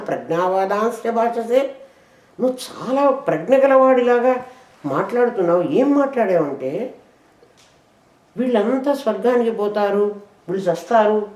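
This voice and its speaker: Woman teacher leading a scripture lesson with rhetorical questions, mellow voice, roomy echo. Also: mid-range voice. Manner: explains verses with rhetorical questions; chants verses slowly. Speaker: spiritual teacher.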